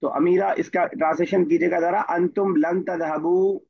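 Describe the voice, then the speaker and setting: A man's voice: sits high, steady tone, moderate pace, vocal fry, highs cut off. A man teaching an online Arabic grammar class, explaining patiently and quizzing his students by name.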